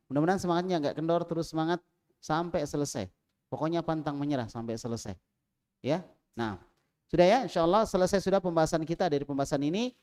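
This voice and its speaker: A man whose voice is fairly high and smooth conducts an Arabic class inside a small prayer room. He calls on students and drills them, giving loud prompts and murmuring quiet asides.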